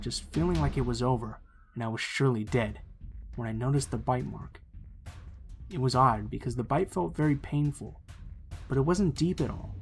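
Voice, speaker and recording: A man reading a true scary story aloud as the channel's narrator, in a steady, measured storytelling delivery. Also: medium pitch.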